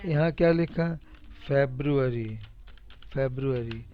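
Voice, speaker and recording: A man's voice: medium pitch, very slow. A man teaching a casual spreadsheet lesson, talking steps through in a chatty, repetitive, teasing and encouraging way. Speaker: computer teacher. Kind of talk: casual live spreadsheet tutorial. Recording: dull lo-fi recording.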